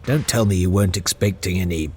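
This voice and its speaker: A deep-voiced, fast-talking actor with a darkish tone plays a witty chamberlain in an audio drama, lightly acted. The courtier is playful and teasing, wry in mood, and laughs a lot. There's slight background noise.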